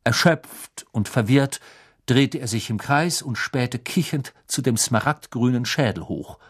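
Man reading a story aloud, husky. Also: mid-range voice, measured pace. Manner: lively storytelling. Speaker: audiobook reader. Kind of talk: scripted narration.

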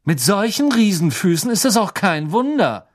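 A man reading an audiobook, voicing a sneering, arrogant teenage wizard boy with a drawn-out, taunting delivery. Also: high-pitched, big pitch swings, pitched above the performer's own voice.

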